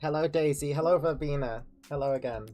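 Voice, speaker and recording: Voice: mid-range voice, brisk, mellow, soft background music. A livestreamer greeting viewers in casual chat, recorded on a livestream headset mic. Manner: chatty, talks straight to viewers. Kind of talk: casual game-stream chat.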